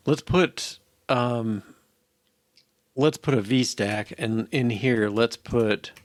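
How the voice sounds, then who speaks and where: An older man, a programmer hosting a live coding session, thinks aloud casually as he codes, musing and muttering to himself. His mid-range voice moves slowly. He's in an indoor room at home, and the sound is clean, studio-like, and free of echo.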